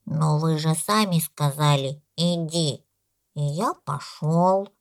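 Woman doing a slow, stubborn little elephant. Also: low-pitched, exaggerated voice. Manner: slow, flat, matter-of-fact.

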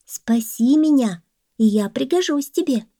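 A tiny mouse with a high, chirpy voice, eager and quick to offer its help, as a woman narrator plays it. The voice sits well above a normal speaking voice and sounds dry and close. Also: expressive, mellow, no room sound, exaggerated voice.

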